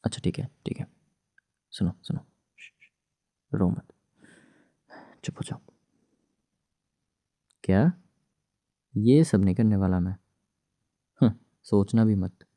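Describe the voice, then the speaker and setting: A man voicing a young husband married to his ex, gruff but tender, in a hushed, soothing, teasing whispered role-play. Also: on the low side, slow, long pauses, dry recording, clean studio sound.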